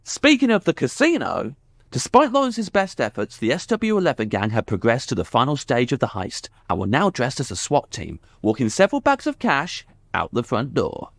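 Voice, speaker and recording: A man's voice: medium pitch, huge pitch swings, normal speed, creaky, no echo, studio quality, heavily acted. An actor playing an earnest, boastful ex-undercover cop, narrating his tale as a comedy podcast host. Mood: self-satisfied. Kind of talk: comic scripted narration.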